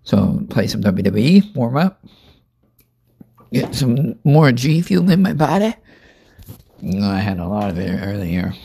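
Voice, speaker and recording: Slow-talking low-voiced man eating on camera. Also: creaky, mellow, breathy edge. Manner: rambling, chatty, eats while talking. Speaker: vlogger. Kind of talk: casual food review vlog.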